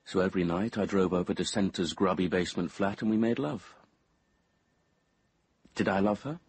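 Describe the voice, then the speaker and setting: Here a husky, somewhat mellow low male voice confesses in the first person as an infatuated, uneasy young Briton, earnest as he recounts his tale for a radio drama. The pace is moderate, the delivery hesitant, inward and brooding, and the recording has no room sound.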